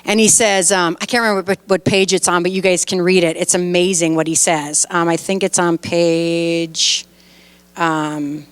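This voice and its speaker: A woman pastor preaching a lively sermon, retelling scripture with animated storytelling and reading aloud while chatting with her listeners. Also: fairly low pitch, moderate pace, clear, resonant tone, big-room sound. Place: church sanctuary.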